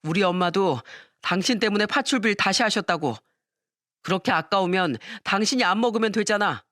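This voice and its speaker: An exasperated grown son, voiced by a woman narrator in a story radio drama. He speaks with a raised, scolding edge, slightly lower than the narrator's own voice. The sound is dry and close. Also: animated, fairly quick, a bit bright, no room sound, close to an everyday voice. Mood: angry. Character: indignant adult son, a husband.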